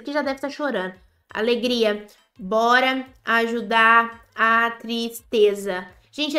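A woman with a Brazilian Portuguese accent giving chatty, excitable commentary on a game she is playing, often talking straight to her viewers. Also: sits high. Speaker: gaming YouTuber. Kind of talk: Roblox gameplay commentary.

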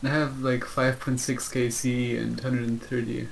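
A man's voice: mid-range voice, little pitch movement, a little slow, gravelly, slight background noise, rough recording. A young man chatting casually with a friend as he plays, teasing him and laughing easily. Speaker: friend joining the stream. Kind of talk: casual chat.

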